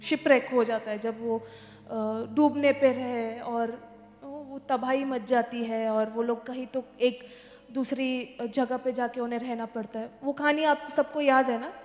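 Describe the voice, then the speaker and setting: A woman's voice: on the high side, steady tone, measured pace, darkish tone. A woman pastor preaching a sermon, telling a story and slipping English phrases into her talk. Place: church hall. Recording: echoey church hall.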